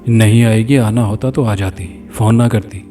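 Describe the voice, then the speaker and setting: A man voicing a nervous young man who speaks in a shaky, hushed way. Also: lowish voice, steady tone, lightly acted. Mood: uneasy. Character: nervous but level-headed young man, friend. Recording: distant mic with faint music.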